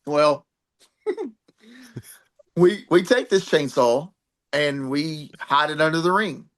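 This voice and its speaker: Middle-aged man, wrestler, rambling storyteller, laughs often, somewhat high voice. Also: lively intonation, takes it slowly. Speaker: pro wrestler and trainer. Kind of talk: animated storytelling in a podcast interview.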